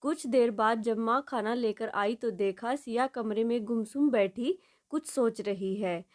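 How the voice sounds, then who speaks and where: A woman narrator reads a moral family story aloud. Her voice sits somewhat high, and her delivery is steady and expressive. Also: measured pace.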